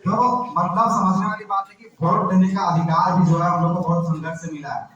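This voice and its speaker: A high-pitched man from Jharkhand, India, an activist, questions the gathering rhetorically again and again, speaking fairly quickly with fairly even intonation and a fairly bright tone. The audio is dull, captured by a distant mic in a strongly echoing room with slight noise.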